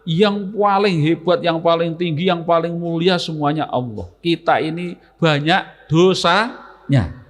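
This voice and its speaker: A man's voice: fairly high pitch, measured pace, in a large hall. A man with a Javanese accent preaching a sermon to students, quizzing the audience and reciting Arabic verses. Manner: lively, asks the audience questions, mixes Arabic verses. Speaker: Islamic preacher.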